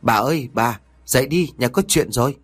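A man's voice: mid-range voice, normal speed, husky, soft background music, voice pushed up, lightly acted. A man voicing a panicked young male servant in a told horror story, calling out urgently.

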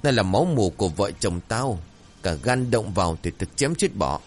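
A man's voice: on the low side, big pitch swings, moderate pace, a little hiss or hum. Guy doing a furious protective dad in a spooky storybook, snarling, voice swinging up and down. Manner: snarling threats. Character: desperate village father, fierce and protective.

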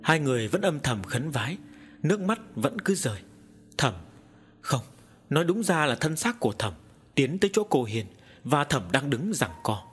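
A man narrating an audiobook story in an expressive, animated way. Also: on the high side, normal speed, soft background music.

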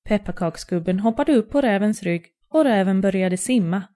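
A woman narrating a fairy tale aloud in a calm, clear storytelling manner. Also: mid-range voice.

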